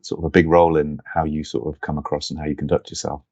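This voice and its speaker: A man with a very deep, dark voice hosts a podcast and asks friendly, loosely phrased questions. His audio is muffled and lo-fi, with a dry, close sound. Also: little pitch movement, quick pace, vocal fry, dry recording. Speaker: podcast host. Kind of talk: casual interview questions.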